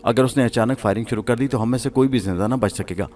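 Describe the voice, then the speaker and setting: A man voicing a cautious English military commander in a spoken story, giving orders in a plain, measured way. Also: mid-range voice, darkish tone, close to an everyday voice. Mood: wary.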